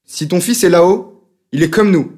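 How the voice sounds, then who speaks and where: A man's voice: high-pitched, normal speed, darkish tone, voice pushed up, close to an everyday voice. A man doing a coarse, scornful soldier. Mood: hostile. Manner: mocking, blunt, scornful. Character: weary, coarse young male soldier on leave. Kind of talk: audiobook reading.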